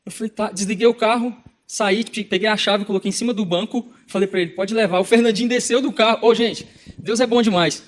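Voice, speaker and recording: A man with a Brazilian Portuguese accent preaching a sermon, telling a personal story in an animated way and acting out the dialogue. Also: sits high, brisk. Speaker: pastor.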